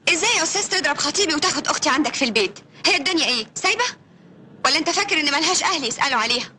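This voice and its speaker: A woman's voice: high voice, animated, rapid-fire, bright, forceful tone. An actress playing an indignant young woman who angrily scolds a man on the phone, in a classic film. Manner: angry, demanding, scolding. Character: indignant young woman defending her sister. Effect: phone call. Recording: noisy old film soundtrack.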